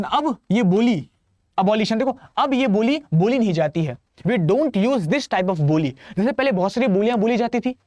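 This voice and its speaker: A playful Indian man tutors English vocabulary in an exam-prep lesson, speaking in a high, slightly mellow voice. He's chatty and talks straight to his students, recorded on a close, dry mic with no room sound.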